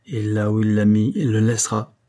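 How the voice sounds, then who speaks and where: A man's voice: fairly low pitch, moderate pace, mellow, natural voice. A man reading an audiobook voices a dying old female servant who solemnly reproaches the young woman she raised. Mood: stern.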